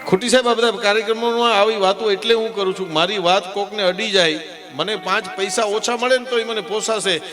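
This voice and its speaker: A man's voice: high voice, fairly even intonation, fairly quick, a bit bright. A man with a Kathiawadi Gujarati accent, performing live dayro storytelling with humor, speaking emphatically and calling the audience "saheb" as he goes. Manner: rhythmic declamation of rhyming lists. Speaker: folk stage storyteller and humorist. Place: live stage program at a temple event. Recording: live PA sound with long hall reverb and faint music.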